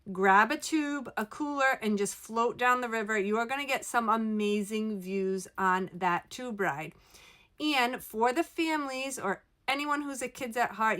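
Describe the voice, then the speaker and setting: A woman's voice: on the high side, a bit bright. A woman giving casual travel recommendations, recorded inside an RV. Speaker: travel vlogger. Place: inside a parked RV.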